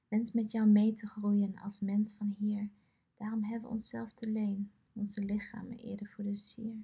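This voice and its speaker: A woman reciting a poem in a soft, intimate whisper. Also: mid-range voice, gravelly, slightly rough.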